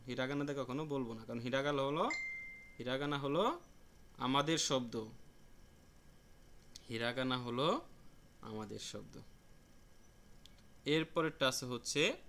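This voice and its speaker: A man teaching a language class in a plain, patient way, repeating each word slowly and restarting himself now and then. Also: mid-range voice, pushed and bright, slight background noise. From Bangladesh. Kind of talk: classroom lesson explaining vocabulary.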